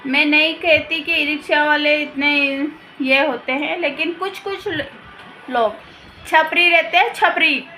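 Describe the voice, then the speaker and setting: High pitched woman vlogging from her house, crisp bright voice, fired up and ranting. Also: a little slow, faint music behind. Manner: venting, heated and emphatic. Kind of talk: casual chat to camera. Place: her own house, indoors.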